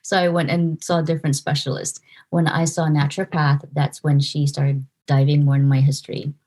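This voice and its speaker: A Filipino woman in her forties, a nurse practitioner, joins a podcast as a guest for a casual interview. Her low voice is mellow and relaxed, and she speaks earnestly, often stopping and restarting her thoughts.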